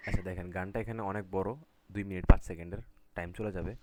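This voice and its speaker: A man's voice: sits low, steady tone, fast, a little mellow. A man teaching a live online class over a video call, talking casually and often checking in with his students. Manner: casual, repeats "ঠিক আছে?" to check in with students.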